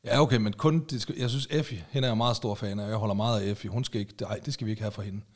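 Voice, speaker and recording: A man's voice: fairly low pitch, steady tone. A man co-hosting a casual podcast, teasing his partner in a dry way. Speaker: podcast co-host. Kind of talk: casual chat.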